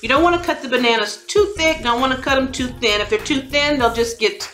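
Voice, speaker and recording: A woman hosts a cooking demonstration in her home kitchen, chatty and encouraging, with easy laughs between steps. Her voice is bright and sits a little high. It bounces around an echoey room over soft background music. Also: fairly quick. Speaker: cooking show host.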